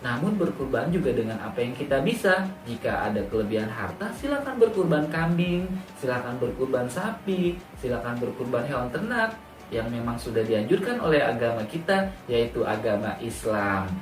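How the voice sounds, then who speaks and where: Male storyteller, mid-range voice, expressive kids' religious tales; roomy, distant mic over music. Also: mid-range voice, moderate pace. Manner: expressive, addresses young listeners directly with emphatic repetition. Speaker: storyteller for children.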